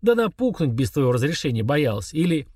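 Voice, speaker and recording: A man voicing a calm, mocking young man who chats casually while confessing murder to his father. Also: on the high side, fast, husky, dry recording, studio quality. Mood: coolly sneering. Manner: chummy, sneering, confessional tone.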